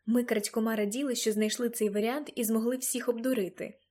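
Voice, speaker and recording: A woman's voice: on the high side, fairly even intonation, a little fast, warm tone, lightly acted. A woman reading the lines of an elderly grandfather, earnest and a little guilty, in an audiobook.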